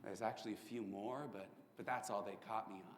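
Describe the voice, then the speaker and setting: A man's voice: steady tone, fairly quick, slight background noise, close to an everyday voice. A man performing a charming, mocking young serial killer on death row in a competitive prose piece. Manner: sardonic, swinging between loud outbursts and low hushed lines. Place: performance room at a speech competition. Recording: echoey hall reverb.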